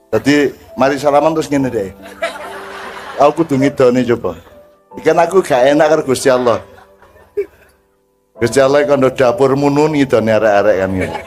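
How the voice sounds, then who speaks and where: A man's voice: fairly low pitch, a little mellow. Older east javanese guy preaching to a crowd, chatty and joking, faint music behind. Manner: joking, conversational, mixes languages, asks the crowd questions. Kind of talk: folksy religious talk to a crowd.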